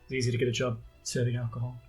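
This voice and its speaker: A woman's voice: extremely low pitch, flat delivery, rapid-fire, a little mellow, faint music behind. A woman narrating as game master of a tabletop game, rambling and full of "like"s as she sets each scene. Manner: rambling, filler-heavy narration with many "like"s.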